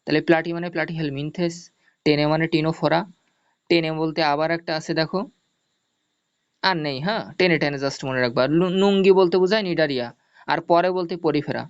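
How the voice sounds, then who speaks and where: A man's voice: a little high, a little fast, clean tone. A male teacher gives an online zoology lesson, explaining step by step, repeating mnemonics and checking that students follow. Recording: dull lo-fi audio.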